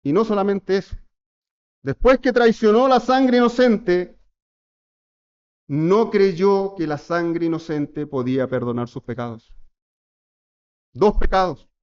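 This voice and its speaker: A man's voice: high voice, animated, takes it slowly, long pauses, darkish tone, smooth, highs cut off. A man preaching a sermon in church, addressing the congregation with earnest rhetorical questions. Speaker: presbyter preaching.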